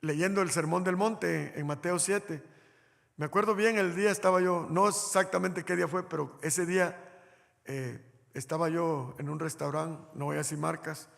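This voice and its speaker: A pastor preaches a sermon in a church hall, telling a personal story and speaking straight to the congregation. His voice is slightly high, bright and steady, with vocal fry at a normal pace, and the hall's reverb carries through the recording.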